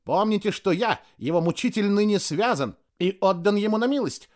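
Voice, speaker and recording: A man's voice: high voice, expressive, normal speed, a little mellow, pitched above the performer's own voice. A man putting on a pompous showman doctor. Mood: wheedling. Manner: pompous, flowery, ingratiating barker. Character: flamboyant male showman doctor, coaxing a crowd.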